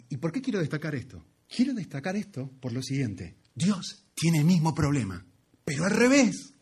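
A man preaching a sermon, emphatic and repetitive, swinging between loud passages and quiet asides. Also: mid-range voice, breathy edge.

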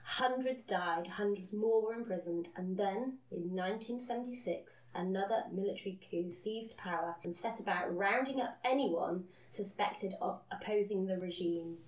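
A woman's voice: medium pitch, normal speed, hardly any pauses. A woman co-hosting a podcast, telling a story in a casual, earnest way and laughing at herself now and then. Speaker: podcast co-host. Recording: roomy, a bit distant from the mic.

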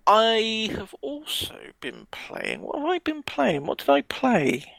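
Casting: male podcast co-host, rambling and hesitant, fairly high voice. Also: huge pitch swings, slow, gravelly, a bit bright, no room sound, poor audio. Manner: rambling, hesitant, many ums and restarts. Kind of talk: casual chat about video games.

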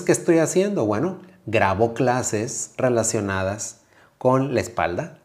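A man with a Mexican Spanish accent, a yoga teacher hosting a motivational podcast, speaking calmly and reflectively straight to the listener. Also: lowish voice.

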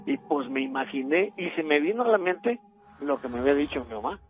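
A man's voice: on the high side, big pitch swings, brisk. A middle-aged man with a Mexican accent, calling in to a radio show and telling a ghost story in a rambling, hesitant way. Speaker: radio caller. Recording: tinny phone line with music.

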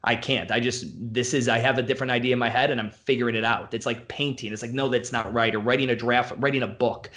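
A gym owner talks in blunt, profane bursts on a casual podcast, piling one example onto the next in fast-flowing rants. His voice sits at an ordinary middle pitch, and the talk is relaxed and unscripted.

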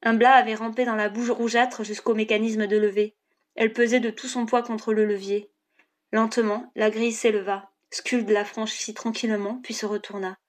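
Fairly high-voiced woman narrating an audiobook. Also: level tone, moderate pace.

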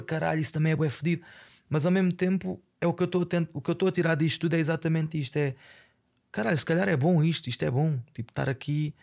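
A man's voice: on the high side, creaky, darkish tone. A young man with a European Portuguese accent talks into a close microphone in a casual solo podcast, rambling, swearing often and mixing in English fillers. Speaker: podcast host.

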